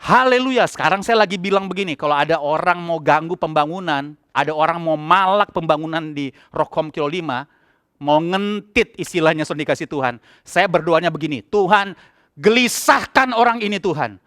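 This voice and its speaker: A man with an Indonesian accent preaching a conversational sermon as pastor, breaking into loud, emphatic bursts. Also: on the high side, brisk, clean tone, no room sound, clean studio sound. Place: church, online service.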